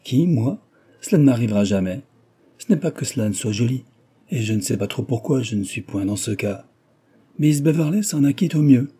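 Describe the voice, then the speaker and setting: A man reading an audiobook voices a giddy, mocking young noblewoman who gossips in a lively, teasing way. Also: medium pitch, normal speed, husky. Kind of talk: audiobook reading of a classic novel.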